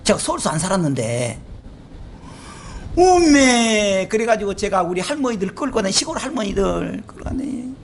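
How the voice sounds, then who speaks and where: A man in his sixties with a Jeolla accent, preaching a sermon as pastor, asking rhetorical questions and swinging from shouts to quiet asides. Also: sits high, lively intonation, quick pace, gravelly, few pauses, a little hiss or hum. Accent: Jeolla Korean. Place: church sanctuary.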